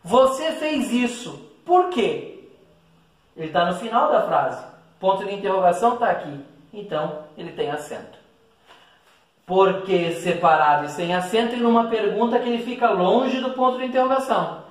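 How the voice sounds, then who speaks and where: A man's voice: sits high, brisk. A man with a Brazilian Portuguese accent, teaching a recorded class and checking in with his students after every point. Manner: explains step by step with frequent "certo?" and "beleza?" checks. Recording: echoey room, distant mic.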